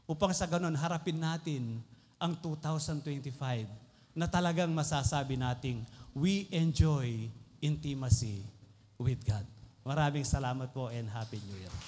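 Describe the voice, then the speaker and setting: A man's voice: mid-range voice, moderate pace, a little mellow. A man preaching a sermon, mixing Tagalog and English with polite phrasing. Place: church hall. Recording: reverberant church hall.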